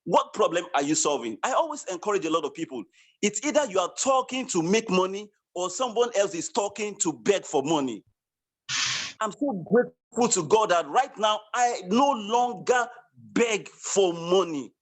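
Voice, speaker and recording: A man presenting at an online business launch, giving an emphatic, repetitive motivational sales pitch over a video call. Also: animated, normal speed.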